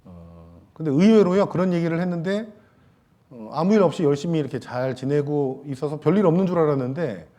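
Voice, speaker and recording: A man preaching a Sunday sermon in a church, with a mellow, relaxed tone. He talks casually with the congregation, tosses in light jokes, and trails off into soft fillers between thoughts. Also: a little high, fairly quick. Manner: casual, joking asides to the congregation; many hesitation fillers, trailing off softly. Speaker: pastor. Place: church sanctuary.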